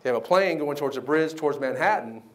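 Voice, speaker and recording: A middle-aged man from the United States giving a keynote speech at a banquet. He tells a story with lively quoted voices and keeps checking in with the crowd. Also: a little high, fast. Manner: animated storyteller, acts out quotes, asks the crowd "right?". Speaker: keynote speaker.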